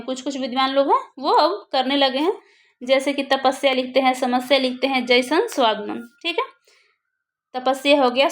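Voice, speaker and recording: A woman's voice: sits high, fairly bright tone. A woman teaching a grammar lesson for exam preparation, who asks questions and answers them herself.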